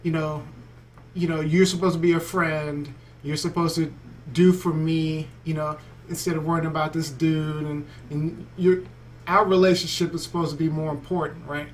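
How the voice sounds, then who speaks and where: A man's voice: a little high, little pitch movement, normal speed, a little hiss or hum. A man co-hosting a casual panel podcast, talking in a chatty, hesitant way full of "you know". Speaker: podcast co-host.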